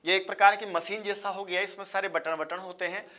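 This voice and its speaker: A man's voice: sits high, steady tone, fairly quick, bright, forceful tone. A man teaching an exam-prep lecture, repeating key points and calling his listeners brother and sir. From India. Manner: repetitive, drilling key points, addresses listeners as bhaiya and sahab.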